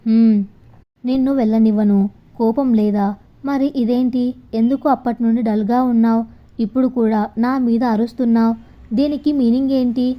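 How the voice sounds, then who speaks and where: A woman's voice: fairly high pitch, steady tone, moderate pace, close to an everyday voice. A woman voicing a defensive, teasing young man who coaxes his girlfriend, on a dull lo-fi recording. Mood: coaxing.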